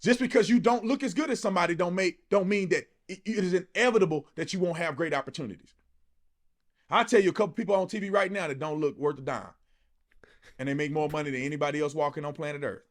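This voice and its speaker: With a slightly high voice and a quick pace, a male political commentator gives a fervent, conversational monologue of opinion. He hammers his points through repetition and tosses out plenty of rhetorical questions.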